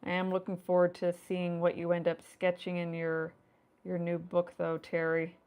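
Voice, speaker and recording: Woman, chatty, frequent laughs, explains while painting, home studio, desk mic, slightly low voice. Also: monotone, moderate pace, darkish tone, clean tone. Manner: chatty, laughs often, explains as she works. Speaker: miniature painter hosting a live stream. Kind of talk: casual chat while painting.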